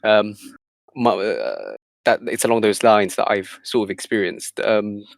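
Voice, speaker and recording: A man's voice: on the low side, sing-song, measured pace, vocal fry, no echo. A man in a casual podcast chat, speaking hesitantly with many fillers and restarts.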